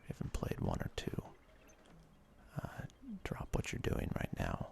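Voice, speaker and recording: A gaming-video host murmurs laid-back, halting ASMR commentary in a whisper while the game runs. The tone is a little mellow.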